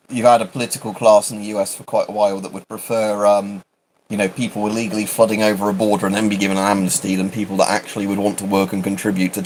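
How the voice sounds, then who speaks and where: Speaking on the low side, the British man hosting a livestream wanders through his talk hesitantly, frequently interrupting himself. The audio is poor, with a little hiss or hum.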